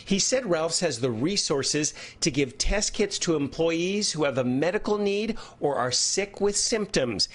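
Man, middle-aged, TV reporter, emphatic, live from home, lapel mic, fairly high-pitched. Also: animated, unhurried, hardly any pauses. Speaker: investigative reporter. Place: home room, indoors.

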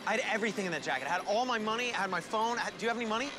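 An actor playing a vain, hot-tempered young man in a comedy series, pompous and prone to shouting. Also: sits high, racing, noisy background, natural voice. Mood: indignant.

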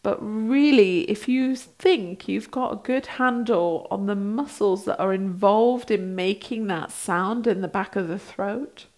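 A woman in her thirties working as a breathwork instructor, gently guiding a practice in an unhurried way with pauses between instructions. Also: mid-range voice. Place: small bright indoor room, seated on a mat.

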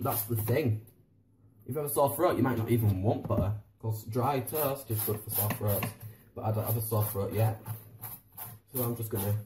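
A man vlogs casually from his home kitchen on a tripod camera, rambling, chatty and self-mocking as he gives a how-to, and he sounds slightly out of breath. His voice is medium-pitched with a warm tone. The recording is rough and reverberant, with a little hiss or hum.

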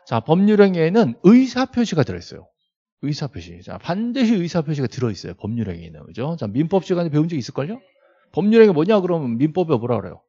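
Gravelly, lively male law lecturer. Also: a little high, quick pace. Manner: constant rhetorical questions, repeats key terms several times; informal asides to students, joking. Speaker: law lecturer at a real estate agent exam prep academy. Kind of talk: classroom lecture. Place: classroom lecture room. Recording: dull lo-fi lecture recording.

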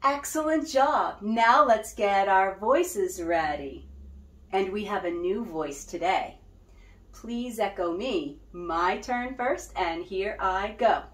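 A woman's voice: mid-range voice, lively intonation, slow pace, a bit bright. A woman music teacher leading a children's lesson, cheerful and guiding with call-and-response. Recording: roomy echo.

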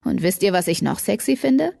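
A woman's voice: mid-range voice, big pitch swings, moderate pace, vocal fry, mellow, no room sound, clean studio sound, exaggerated voice. Woman voicing a smug teasing teenage boy.

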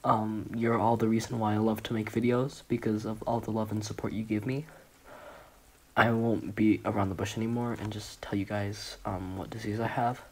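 A man's voice: lowish voice, flat delivery, moderate pace, a little mellow, low-quality recording. A young man making a mock-serious video announcement, speaking with fake earnestness and hesitant fillers. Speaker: YouTuber.

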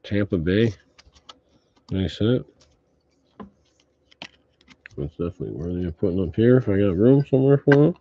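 A man with a lowish voice talks through a face mask, animated and a little fast, as he hosts a sports card break. At an indoor tabletop card-opening setup, he keeps up laid-back, casual commentary with offhand swearing. Background noise accompanies dull, muffled audio.

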